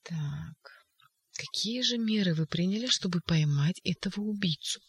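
A reader voicing a calm male doctor who asks measured questions in an audiobook. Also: medium pitch, husky, dry recording, clean studio sound, heavily acted.

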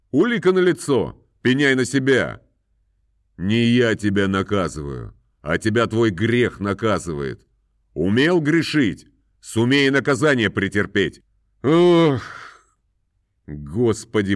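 A man's voice: on the low side, no echo, studio quality. A man voicing a pompous country landowner who scolds and moralizes at length. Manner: moralizing, scolding, sing-song.

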